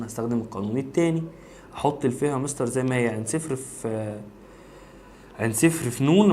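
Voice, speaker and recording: A man's voice: medium pitch, slight background noise. A man with an Egyptian accent teaching a physics review lesson, reasoning aloud step by step and addressing the student directly. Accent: Egyptian Arabic.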